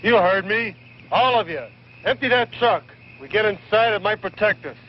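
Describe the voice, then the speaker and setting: A man's voice: high-pitched, moderate pace, slight background noise, close to an everyday voice. An actor playing a stern, domineering man, curt and commanding, in a muffled 1960s B-movie. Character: stern, domineering man forcibly keeping order. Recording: muffled old film soundtrack.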